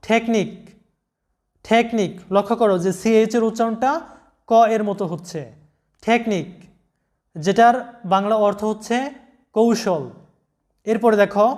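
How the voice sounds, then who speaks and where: A man giving a slow, deliberate vocabulary lesson, spelling out letters and repeating each word. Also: high voice. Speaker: English pronunciation teacher.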